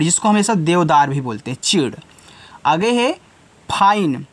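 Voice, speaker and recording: A man teaching children, spelling out words letter by letter and answering his own questions. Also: high-pitched. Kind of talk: spelling and explaining lesson.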